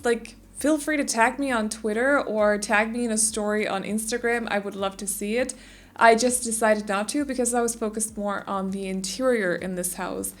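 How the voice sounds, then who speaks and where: A woman, a bit stuffy after losing her voice, chatting casually and rambling through a voice-over for a game build. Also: a little high. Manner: chatty, rambling, many fillers. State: stuffy, recovering from lost voice. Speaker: Sims speed build YouTuber.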